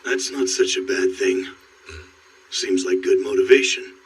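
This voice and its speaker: A man voicing a grim, armored male monster hunter in an anime English dub, speaking in terse, flat, clipped replies. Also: low-pitched, measured pace, noisy background. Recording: distant voice under loud score.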